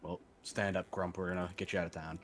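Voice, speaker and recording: A very low-pitched man talks quickly as a player in a tabletop game. His casual speech rambles and hedges, with faint noise behind it. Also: little pitch movement, soft background music. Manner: rambling, hedging, heavy use of "like".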